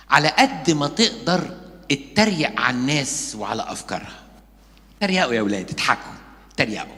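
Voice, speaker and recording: A man's voice: mid-range voice, big-room sound. A man, a Coptic priest with an Egyptian Arabic accent, preaching a sermon and acting out the people in his stories. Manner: lively storytelling, acting out gossips and mockers.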